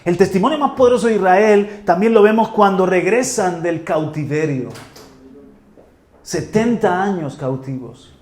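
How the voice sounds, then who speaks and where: Pastor from Spain, a man, high voice, animated sermon delivery with loud peaks, heard in a roomy church hall. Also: a little slow. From Spain, Murcia. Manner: animated preaching, builds to loud exclamations.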